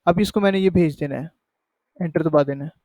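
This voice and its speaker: Male tutor, high and mellow, dry close sound, chatty walkthrough. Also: brisk, no room sound. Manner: conversational, repeats "ठीक है" to check in. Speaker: tutorial host. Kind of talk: casual screen-recorded tutorial.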